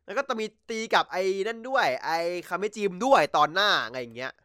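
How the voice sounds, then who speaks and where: A man hosting a casual podcast from home over a voice chat call, recapping episodes in an excitable, slangy way and swearing freely. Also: sits high, quick pace, no echo, studio quality. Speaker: podcast host. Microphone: computer mic over voice chat.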